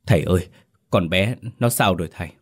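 Man voicing a distraught mother in a ghost story, trembling and choked, low voice. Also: brisk. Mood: frantic. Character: frantic weeping mother.

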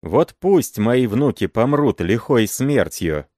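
A man putting on a shrill cursing old woman. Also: expressive, unhurried, no room sound, studio quality. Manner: shrieking curses, fierce.

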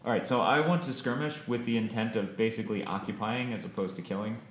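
A man playing in a tabletop game, declaring his character's actions in a quick, decisive way. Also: on the low side. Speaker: player. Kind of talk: casual game talk. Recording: echoey room, faint noise.

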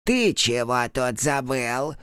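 A croaking old mountain witch, sly and unhurried, as a male audiobook reader puts her on. Her gravelly voice creeps along at a slow drawl, swooping widely in pitch, with a dry, close sound. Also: huge pitch swings, dry recording, full character voice. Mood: calm. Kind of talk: audiobook character voice.

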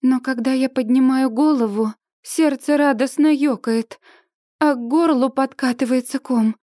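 Audiobook narrator, woman, higher voice, emotive read, dry close studio sound. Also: measured pace, dry recording. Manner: emotive, expressive storytelling. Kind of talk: first-person novel narration.

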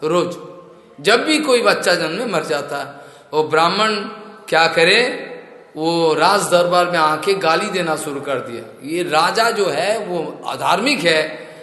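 Preacher guy telling temple stories, animated, bit high voice, echoey hall. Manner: animated storytelling, rhetorical asides. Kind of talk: Hindi religious discourse. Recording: echoey hall with long reverb.

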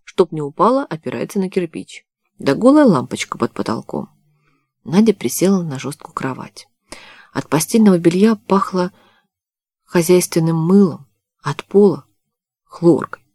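A woman narrating a novel as an audiobook, reading evenly and measured. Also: fairly low pitch, big pitch swings, warm tone, no room sound, studio quality. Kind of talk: scripted narration.

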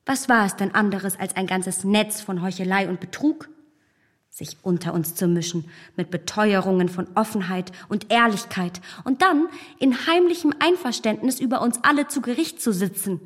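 A woman playing Emma, a self-assured and easily indignant young gentlewoman, in a radio drama of a literary classic, speaking formally and emphatically. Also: medium pitch, moderate pace, long reverb tail, lightly acted. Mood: bitter, scornful.

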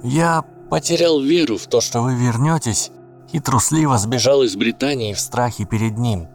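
A man's voice: medium pitch, normal speed, soft background music, pitched above the performer's own voice, close to an everyday voice. A man voicing a sly male follower apologizing to his master. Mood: sly apologetic.

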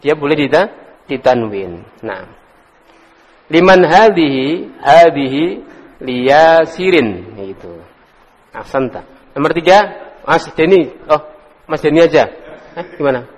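A man's voice: fairly high pitch, very animated, unhurried, long pauses, husky. A man teaching an Arabic class, calling on students by name and drilling words in a casual manner. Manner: drills students, calls on them by name, chuckles. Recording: echoey hall.

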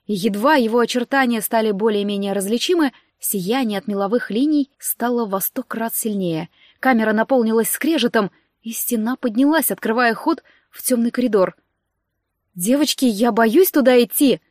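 A woman reads a fantasy novel aloud in the first person, with steady, expressive storytelling. Her voice sits a little high. The recording is close and dry, with no room around it. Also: moderate pace, no echo. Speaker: audiobook narrator. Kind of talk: first-person audiobook narration.

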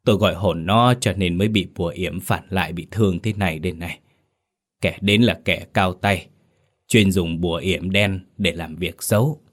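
A man voicing a calm, measured male sorcerer-healer who speaks gravely. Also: deep voice. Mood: ominous.

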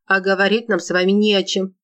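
A woman's voice: mid-range voice, flat delivery, fast talker, fairly bright tone, close to an everyday voice. A woman doing a cutting, scornful widow. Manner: curt, contemptuous, cutting. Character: harsh scornful middle-aged widow. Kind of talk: audiobook narration.

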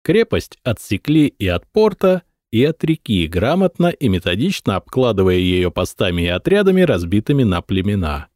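Low-voiced male audiobook narrator. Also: no room sound, studio quality. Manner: measured, expressive reading. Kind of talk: scripted narration.

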